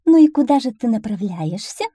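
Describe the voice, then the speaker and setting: Sly fox lady, sugary fake-kind voice, swoopy, soft and mellow the way a woman reading does her. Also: a little high, very animated, fairly quick, breathy edge, dry recording, studio quality, pitched above the performer's own voice. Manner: coaxing, mocking, falsely kind. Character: sly sweet-talking female fox, a cunning predator. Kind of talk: storybook reading.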